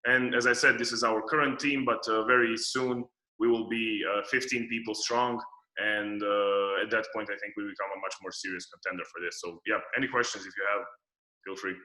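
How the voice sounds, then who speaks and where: A man wrapping up a presentation at an online meetup, speaking in a relaxed way with filler sounds. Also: on the low side, fairly quick, roomy sound, rough recording.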